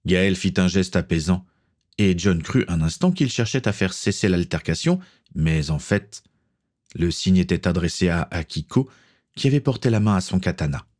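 A male narrator reading a story aloud at a steady, measured pace. His voice is deep and husky. The delivery is even and unhurried. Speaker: audiobook reader.

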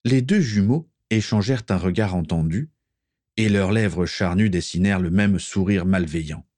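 Guy reading a fantasy story out loud, lowish voice, steady. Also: normal speed, no room sound. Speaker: reader. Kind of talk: audiobook narration.

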